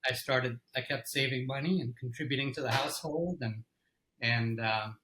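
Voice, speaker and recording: As an interview guest, the middle-aged Egyptian company CEO narrates his story casually, with fillers and restarts, in a medium-pitched voice at normal speed. The rough recording carries a little hiss or hum.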